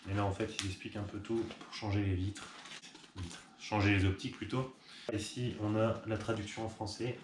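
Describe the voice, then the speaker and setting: A man's voice: on the low side, steady tone, moderate pace. A man who runs an online shop, chatting casually and upbeat with fillers as he unboxes a product. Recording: echoey room with clear background noise.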